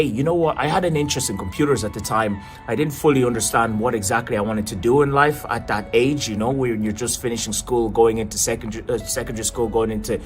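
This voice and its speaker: A man in his thirties from Tanzania, talking in a casual vlog monologue with many fillers and restarts. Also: medium pitch. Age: 30s. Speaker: vlogger and marketing coach.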